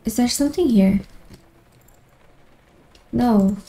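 A woman's voice: fairly high pitch, takes it slowly, dark tone. A woman streamer giving casual commentary while playing a horror game, easily startled and talking to herself. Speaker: gameplay streamer.

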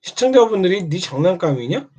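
A man's voice: high-pitched, sing-song, fairly quick, a little mellow. A man taunting and scolding another streamer in a mocking monologue, prodding again and again with short questions. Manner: needling, keeps prodding with "eh?". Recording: dull lo-fi sound.

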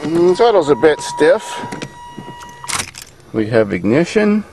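A man's voice: fairly high pitch, slow pace. A man hosting a hands-on car vlog, giving folksy, joking running commentary outdoors in a grassy farm field on a handheld camera mic. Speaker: car channel host. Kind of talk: casual hands-on vlog narration. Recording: camera audio with steady background noise.

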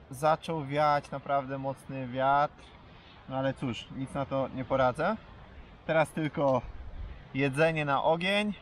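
Male vlogger, unhurried and halting, casual delivery to camera, faint outdoor noise. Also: medium pitch. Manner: halting, pausing mid-sentence. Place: outdoors at a lakeside campsite.

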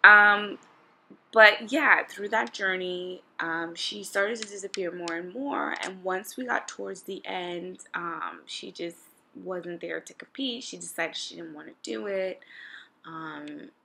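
A woman's voice: on the low side, slow, creaky, pushed and bright. A young woman talking casually to camera at home, answering viewer questions in an informal, conversational way, as if thinking aloud. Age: young adult. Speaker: vlogger and pageant contestant. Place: small indoor room at home with brick wall.

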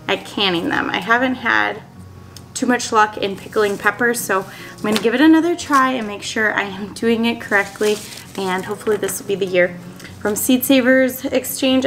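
A woman in her thirties from Minnesota, chatting casually to camera in a dining room and showing seed packets, upbeat with frequent ums. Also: fairly high pitch. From Minnesota, USA. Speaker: homesteading vlogger. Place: small indoor dining room at a wooden table.

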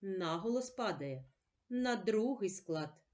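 Slow, lively-voiced woman teacher. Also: mid-range voice. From Ukraine. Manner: patient, questioning and answering herself. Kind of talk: slow, clearly paced reading lesson for children.

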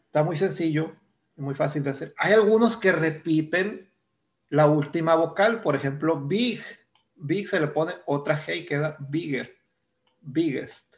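Male English teacher with a Mexican Spanish accent, fairly high and gravelly, walking students through a lesson patiently and repeating key terms. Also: a little slow. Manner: explains step by step, repeats terms, asks "¿no?". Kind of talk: recorded online grammar lesson.

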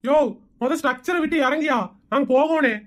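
A woman's voice: high voice, steady tone, normal speed, natural voice. A woman voicing a harried village husband in a cartoon, scolding and exasperated. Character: harried village husband, grumbling about money.

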